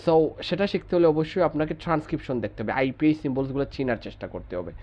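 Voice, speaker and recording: A man's voice: fairly high pitch, fast talker, a little mellow, lo-fi sound. A man teaching an online phonetics class. He keeps asking rhetorical questions and checking with "okay?".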